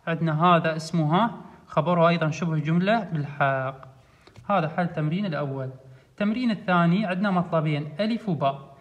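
A man's voice: a little high, lo-fi sound. A man with an Iraqi Arabic accent, working through grammar exercises as a teacher and repeating each rule as he explains it. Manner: steady explanatory, repeats rules.

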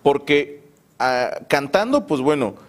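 A man's voice: medium pitch, very animated, slow pace. A man with a Mexican accent hosting a casual interview, joking and teasing in crude slang. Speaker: talk show host.

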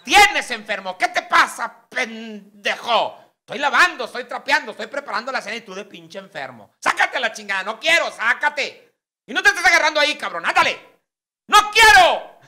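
A woman's voice: medium pitch, expressive, measured pace, sharp tone, pitched above the performer's own voice. A man voicing a fed-up middle-aged Mexican housewife who shrieks and scolds with a Mexican accent. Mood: furious scolding. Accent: Mexican Spanish.

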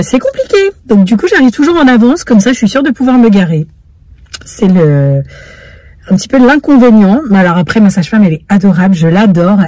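A family vlogger talks casually to camera, chatty and rambling, often breaking into laughter. Her voice is medium-pitched and warm.

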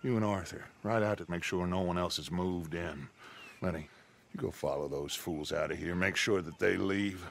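A man's voice: sits low, moderate pace, vocal fry, slight background noise. A man playing a grandiose, defiant middle-aged outlaw gang leader in a western game, with theatrical, commanding oratory. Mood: urgent, commanding. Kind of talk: dramatic video game western acting.

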